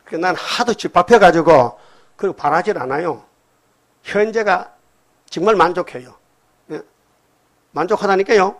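Older male pastor, lively preaching style with rhetorical questions, somewhat high voice, church setting. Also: normal speed, pauses often. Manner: animated, peppered with rhetorical questions to the congregation. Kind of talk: sermon. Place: church sanctuary.

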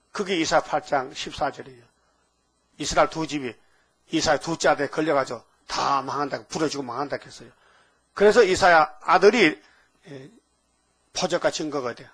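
Older male preacher with sudden loud rises. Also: on the high side, husky. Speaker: pastor. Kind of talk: sermon.

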